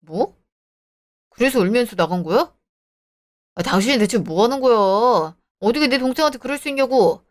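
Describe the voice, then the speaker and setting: A woman's voice: on the high side, animated, moderate pace, long pauses, natural voice. A woman voicing a defensive, exasperated young husband in an audio drama.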